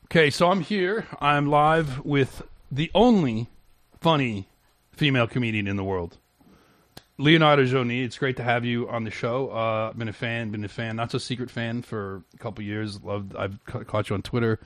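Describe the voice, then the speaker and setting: Male show host, middle-pitched, rambling and halting delivery, dry close recording. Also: a bit bright, no echo. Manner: rambling, halting, with frequent restarts and laughter. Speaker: podcast host. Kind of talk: casual interview chat.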